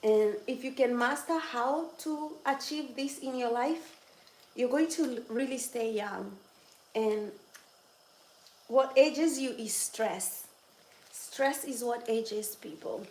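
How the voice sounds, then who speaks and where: Her voice runs a bit high with a darkish tone, and she speaks at a slow pace. An adult over twenty-six, she hosts a casual home livestream, chatting, teasing viewers, and laughing a lot, in an echoey room with faint background noise.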